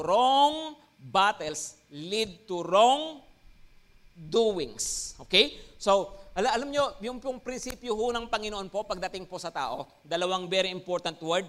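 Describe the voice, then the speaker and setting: Man, Filipino accent, pastor, sermon, high voice, emphatic bursts, frequent check-ins. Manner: mixes Tagalog and English, frequent "no?" and "Amen?" check-ins; lively, rising emphasis on key words.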